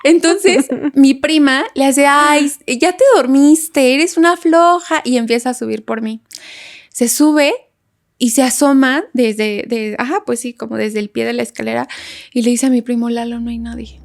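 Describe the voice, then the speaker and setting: A young woman with a Mexican Spanish accent telling a story in a casual podcast chat, animated and laughing often as she acts out voices. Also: fairly high pitch, normal speed, creaky. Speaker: podcast guest.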